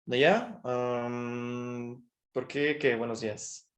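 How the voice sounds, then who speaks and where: A man leads an online language lesson in an unhurried, deliberate way. He speaks at a mid pitch and keeps pausing to check that his students are following. He sounds like he is talking into a video call. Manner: patient, keeps checking in with short tag questions. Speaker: language teacher.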